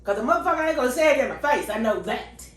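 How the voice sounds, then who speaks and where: A woman's voice: high-pitched, animated, very fast, fairly bright tone, reverberant. An older woman, a grandmother, bantering bluntly with her family, cursing and exasperated.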